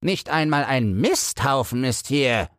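A man's voice: medium pitch, expressive, measured pace, fairly bright tone, dry recording, clean studio sound, voice pushed up. A man voicing a pompous, easily offended little male dung beetle in a storybook reading. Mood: scornful.

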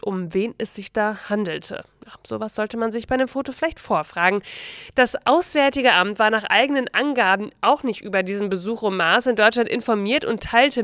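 A woman's voice: on the high side, a bit bright, dry recording, studio quality. A woman presenting a casual news explainer, talking straight to her viewers with ironic asides. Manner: chatty, ironic asides, frequent "ja".

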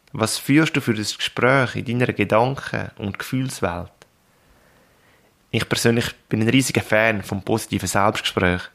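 A man with a Swiss German accent and a fairly low voice narrates in a calm, reflective way. He speaks straight to the listener like a coach, in scripted podcast style. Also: creaky.

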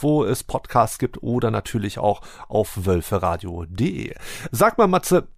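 A man's voice: mid-range voice, vocal fry, dry recording. Male podcast host, conversational presenter, mid-range voice, very dry close recording.

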